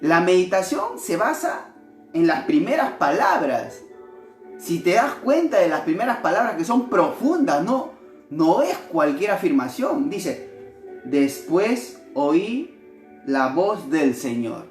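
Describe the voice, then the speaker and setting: A male missionary preaches a devotional sermon in a lively voice with wide swings of pitch. He keeps turning to his listeners with rhetorical questions. The room is echoey, with faint music underneath. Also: takes it slowly. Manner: animated, asks rhetorical questions.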